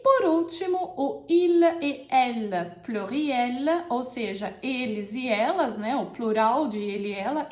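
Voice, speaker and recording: Woman teacher, fairly high voice, slow deliberate delivery, echoey room; models French words for learners. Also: a little mellow. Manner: slow, careful modeling of French words between quick explanations. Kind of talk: online language lesson.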